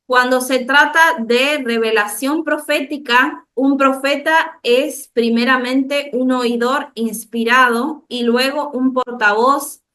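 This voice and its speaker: Slow, bright-voiced woman teaching online. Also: high-pitched. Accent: Dominican Spanish. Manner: slow, explanatory, with frequent restarts and questions to the class. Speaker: bible teacher. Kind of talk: online bible class lecture.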